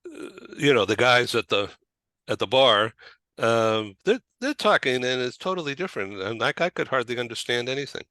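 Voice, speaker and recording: A man's voice: medium pitch, sing-song, normal speed, sharp tone, dry recording. An American man hosting a talk show, chatting casually with many fillers and restarts. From United States. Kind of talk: casual interview chat.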